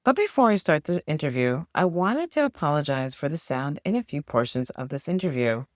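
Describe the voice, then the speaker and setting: A woman's voice: sits low, very animated, a little fast, no room sound, clean studio sound. A woman hosting a podcast, reading a scripted introduction with an upbeat, list-like rhythm. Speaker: podcast host.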